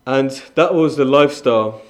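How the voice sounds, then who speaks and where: At a moderate pace and in a mid-range voice, a young man from Iran preaches to a congregation as a guest, weaving in his personal testimony. He sounds earnest and conversational, with frequent restarts and fillers.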